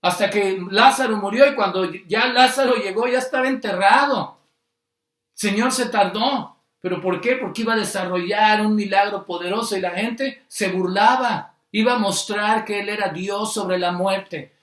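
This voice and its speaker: High-voiced preacher man in echoey room. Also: a bit bright. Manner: repetitive, emphatic, slows on key phrases. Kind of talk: sermon.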